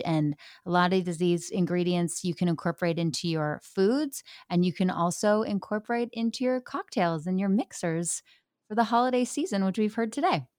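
This woman, hosting a casual interview chat, sounds enthusiastic as she tells warm stories, using fillers along the way. Her pitch is medium. The studio-quality audio carries no room sound.

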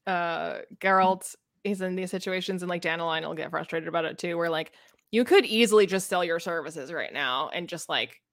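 A woman co-hosts a book podcast, chatting casually in slangy language and acting out bits of dialogue as she retells stories. Her voice is lowish and moves at a normal speed. The recording is dry and studio quality.

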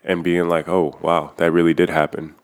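Very deep-voiced man, casual and candid. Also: flat delivery, normal speed. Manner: loose and candid, heavy use of "like", swears freely. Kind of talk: casual personal chat.

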